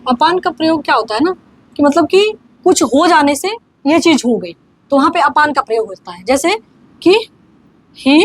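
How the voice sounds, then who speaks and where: A woman's voice: sits high, animated, moderate pace, pauses often, rough recording. A young woman giving a casual online grammar lesson, often checking that students follow and dictating examples word by word. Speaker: English grammar teacher.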